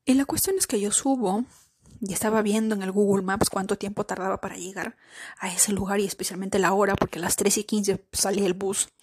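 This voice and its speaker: A woman's voice: medium pitch, fairly even intonation, fairly quick, darkish tone, breathy edge, clean studio sound. Woman in her 30s hosting a podcast, chatty personal story, keeps restarting words, no room echo. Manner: chatty, addresses listeners directly, repeats words while searching. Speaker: podcast host.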